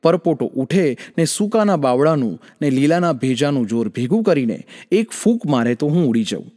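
A man's voice: on the high side, very animated, normal speed, a little mellow, big-room sound. A man voicing a gloating drought spirit. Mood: smug.

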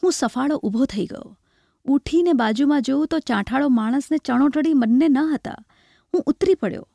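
Female storyteller, slightly high, gravelly voice, measured expressive delivery. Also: no echo, studio quality. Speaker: narrator. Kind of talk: literary story reading.

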